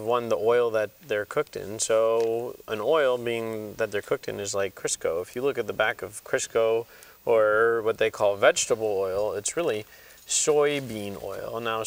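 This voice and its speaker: A man's voice: lowish voice, a bit bright, clean tone. A man speaking as a chiropractor on a health show, explaining things plainly and walking through examples.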